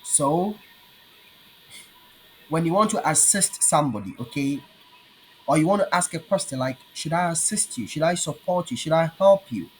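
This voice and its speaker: A man with a Ghanaian accent teaching his language in an online lesson, patiently repeating words slowly. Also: on the high side, expressive, a little hiss or hum.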